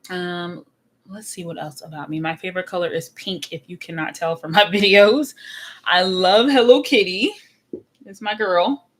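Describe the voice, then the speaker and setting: A bubbly, chatty Texas woman in her late twenties, with a lowish voice, streams anime reactions from home in front of a camera. Her casual livestream chat is sprinkled with frequent "so" and "like."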